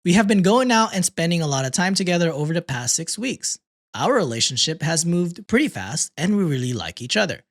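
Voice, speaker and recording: A laid-back man hosts a casual podcast, reading posts and stories aloud with pitch that rises and falls a lot. He uses loose slang, often laughs between lines, and sounds very animated at a fairly quick pace.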